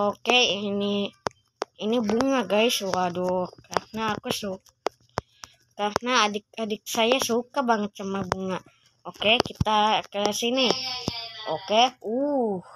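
Against a noisy background, a mid-range female voice narrates a let's-play for her gaming channel. She's chatty, exclaims nonstop with frequent "waduh" and "aduh," and addresses her audience as "guys."

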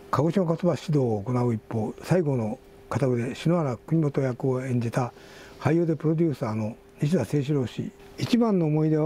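A man's voice: on the high side, warm tone, husky. An older man hosting a casual talk show, reading magazine articles aloud with asides and self-corrections. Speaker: magazine editor and host.

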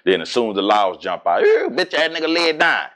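A man in his forties from Houston with a Southern accent, talking casually and profanely as an interview guest, animated and streetwise. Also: mid-range voice, brisk. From Houston, Texas. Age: 40s. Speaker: rapper and guest.

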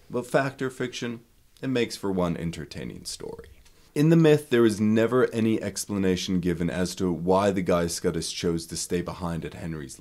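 A man recounts an old frontier legend in a storytelling style. His voice sits a little low. He leans into the dramatic moments and tosses off dry asides. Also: a little mellow. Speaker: museum staff member telling local lore. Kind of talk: storytelling narration of a folk legend.

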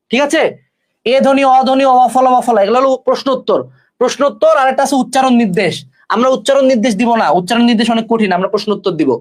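A man. He speaks to his students bluntly and jokingly, like a tutor who knows every trick. The pitch sits far above most men's, and the words tumble out quickly. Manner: brash, joking, talks straight to students. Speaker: exam-prep tutor. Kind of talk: energetic study-tips lesson with course promotion.

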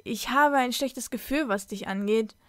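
A woman voicing a worried, strict mother in a storybook, speaking softly. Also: fairly high pitch, moderate pace, no room sound, studio quality, lightly acted.

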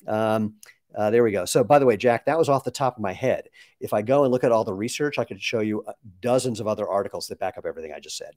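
Speaking quickly in a lowish, somewhat dark voice, this sixty-something company founder fields viewer questions on a live stream. He keeps it casual and explains with asides, and there's no echo.

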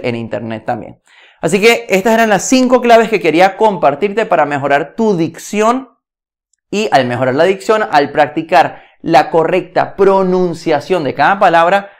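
Male speaking coach, fairly high and smooth voice, clear emphatic delivery, lesson tone. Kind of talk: instructional video lesson.

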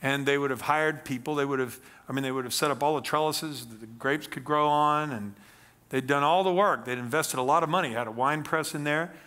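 A middle-aged man preaching on a church stage, reading scripture and explaining it with animated emphasis. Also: medium pitch, a little fast. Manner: animated, gesturing, reads scripture aloud then explains. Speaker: pastor. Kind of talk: sermon.

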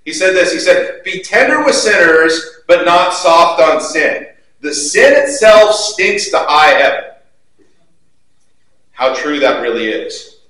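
A middle-aged male pastor preaching a sermon in a church, earnest and emphatic, moving between loud stresses and quiet low passages. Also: expressive, takes it slowly. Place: church sanctuary. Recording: very echoey hall, mic at a distance.

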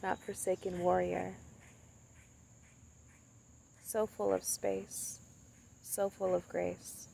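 A young woman speaking softly and haltingly into her phone in the woods, sharing thoughts and reading a poem she wrote. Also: fairly low pitch, vocal fry, a little hiss or hum. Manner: soft and halting, many pauses and fillers. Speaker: spoken word poet. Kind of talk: casual reflective talk and poetry reading. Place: outdoors in woods, beside a tree. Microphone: phone camera at arm's length. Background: crickets and insects outdoors.

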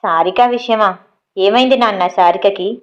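A woman voicing a young adult son who confronts his father in a storybook reading, sharp and reproachful. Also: medium pitch, normal speed, highs cut off, natural voice.

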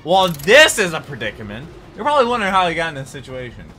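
A man in his twenties giving casual, joking, excitable commentary as he streams a game. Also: fairly high pitch, quick pace. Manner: excitable, joking, startled exclamations. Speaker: game streamer playing a first playthrough. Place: small indoor room, seated at a gaming desk. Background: game music and sound.

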